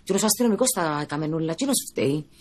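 An actress playing a chatty, stubborn Cypriot wife in a sitcom, speaking Cypriot Greek with animated, whiny complaints. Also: female voice, low voice, a little hiss or hum. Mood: indignant. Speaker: Christina, comic wife in a sitcom.

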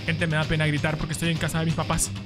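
A Mexican man commentating a horror game in his parents' house, joking, swearing and breaking into high yelps. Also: monotone, racing, music in the background. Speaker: gaming youtuber. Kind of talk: let's-play commentary.

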